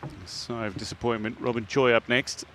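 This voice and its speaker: A man's voice: mid-range voice, fairly even intonation, normal speed, a bit bright, a little hiss or hum. A man working as a golf commentator, giving live commentary on a tournament.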